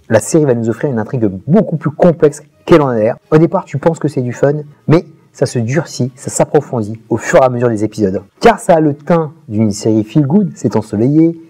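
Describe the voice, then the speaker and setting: A man's voice: medium pitch, mellow. A man giving a casual, slangy TV series review straight to the viewer, calling him buddy. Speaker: video reviewer.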